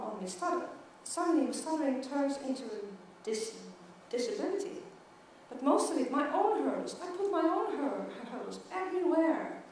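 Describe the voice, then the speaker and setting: A Swedish woman in middle age gives a keynote speech in English, her accent noticeable and her speech marked by frequent stuttering and repetition. She has a high voice. Heard from afar in a large, echoing hall, the recording carries faint noise underneath.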